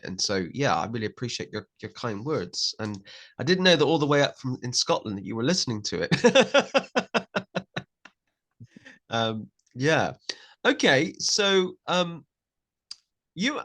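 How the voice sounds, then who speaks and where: A man's voice: medium pitch, sharp tone. A man hosting a podcast, chatting with his guest and asking questions. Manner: chatty, interviewing. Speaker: podcast host. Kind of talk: casual conversation.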